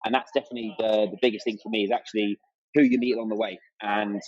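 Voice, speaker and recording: This podcast guest, an amateur runner and content creator, speaks quickly in a lowish, darkish voice with little pitch movement. He's chatty and enthusiastic, acting out remembered exchanges, and the recording has its highs cut off.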